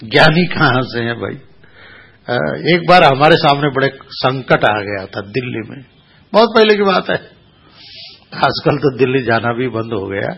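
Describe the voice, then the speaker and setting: A man's voice: medium pitch, vocal fry, a bit bright, breathy edge. A man preaching a sermon, folksy and chatty, telling a story and mimicking how others speak for laughs. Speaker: religious storyteller. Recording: muffled lo-fi recording.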